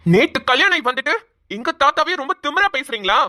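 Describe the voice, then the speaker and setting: A woman's voice: high-pitched, sing-song, fast talker, bright, forceful tone, no room sound, studio quality, full character voice. A woman voicing a hot-tempered younger son in a cartoon, scolding indignantly. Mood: angry scolding. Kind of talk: cartoon voice acting.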